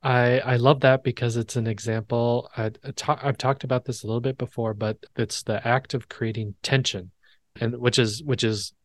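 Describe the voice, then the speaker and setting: A man's voice: medium pitch, fairly even intonation, moderate pace. A man hosting a podcast, talking things through in a thoughtful, rambling way with frequent restarts. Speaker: podcast host. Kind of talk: casual interview chat.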